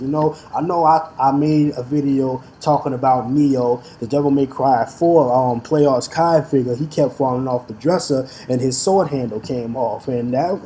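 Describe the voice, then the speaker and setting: A man's voice: medium pitch, warm tone, slight background noise. A man talking casually in a vlog, often stuttering and restarting his phrases, and defiantly challenging his critics. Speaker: YouTube vlogger and figure collector.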